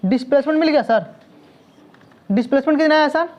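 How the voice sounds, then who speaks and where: A man's voice: very high voice, fast talker, lo-fi sound. A man teaching physics to a classroom in Hindi mixed with English terms. He fires questions at the students, tacks "sir" onto almost every line and scolds them when they stall. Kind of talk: classroom lecture.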